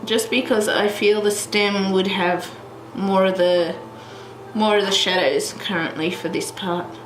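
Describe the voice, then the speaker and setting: This colouring channel host, a young Australian woman, sounds stuffed up and congested, with a medium-pitched voice, fairly even intonation and an unhurried pace. She rambles casually through a tutorial from home by a heater, restarting often and using many fillers. The room is echoey, with noise in the background.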